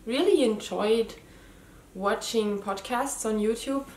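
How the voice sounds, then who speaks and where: A little high and darkish in tone, her voice moves at a slow pace. She's a woman in her thirties whose native German carries a slight Austrian accent, chatting hesitantly to camera from her living room in her first knitting video podcast, with many ums and restarts. The echoey room is recorded through a camera mic, framed head and shoulders.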